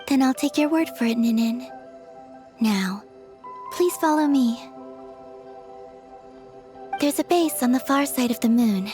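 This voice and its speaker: In a high-pitched voice over soft background music, a woman portrays a calm, kind and perceptive young game investigator. She speaks in a measured, thoughtful, soft way, and the mood comes across as calm and resolved.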